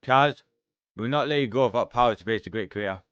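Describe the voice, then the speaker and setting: Fast-reading Scottish man voicing game dialogue. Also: fairly bright tone, clean tone, highs cut off. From Scotland. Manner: reads every character's lines, shifting pitch between parts. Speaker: let's-play streamer.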